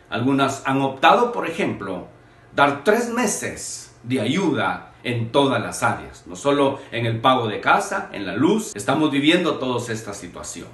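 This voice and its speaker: A man's voice: medium pitch, a bit bright. A Guatemalan man in his forties making an earnest, pleading appeal straight to camera from a small room at home. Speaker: video appeal maker. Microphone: camera in front, medium shot. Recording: echoey room.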